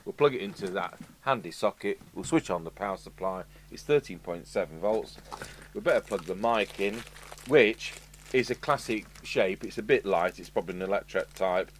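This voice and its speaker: Demonstrating as he goes, an English video host and radio repairer from the UK talks unscripted to camera, chatty and rambling with asides. He speaks at normal speed in a lowish voice, with a constant hum and background noise behind him.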